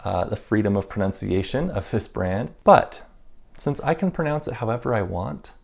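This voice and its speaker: A man's voice: lowish voice, expressive, moderate pace, vocal fry, a little mellow. A man vlogging casually about stationery with a wry, self-mocking manner. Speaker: stationery YouTuber. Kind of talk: casual vlog talk.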